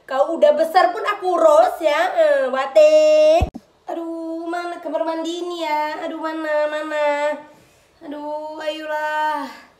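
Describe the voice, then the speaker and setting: A woman's voice: high-pitched, flat delivery, slow pace, a little mellow, voice pushed up. A woman voicing an exhausted pregnant mother who scolds her grown daughter in a nagging, sing-song way, in a comic skit. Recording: echoey room.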